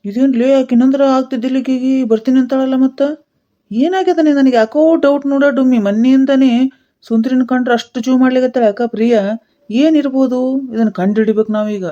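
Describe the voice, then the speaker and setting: A teasing older uncle, voiced by a woman, drawls. His voice is mellow and quick in the cartoon, a little high. The sound is dull and muffled. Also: natural voice. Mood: suspicious. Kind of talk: cartoon dialogue acting.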